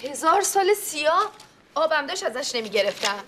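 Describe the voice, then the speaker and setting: A snappy, bossy coworker in a comedy series. Her high voice snaps out orders. A faint noise sits behind her. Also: very animated.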